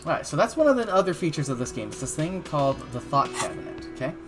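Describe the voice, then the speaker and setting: A man's voice: on the high side, very animated, quick pace. A man streaming a video game live, chatting in a loose, playful way and swearing often while he drinks. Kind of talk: casual live gameplay commentary. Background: game music.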